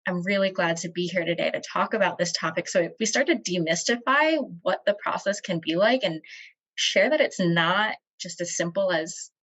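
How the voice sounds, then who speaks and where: A woman's voice: fairly low pitch, lively intonation, moderate pace, a bit bright. A woman speaking earnestly and thoughtfully as a panelist in a discussion. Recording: dull lo-fi audio.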